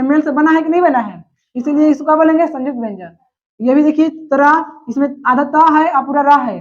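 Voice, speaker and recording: A woman teaching a grammar class. She asks questions and then answers them herself. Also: high-pitched. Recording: dull lo-fi recording.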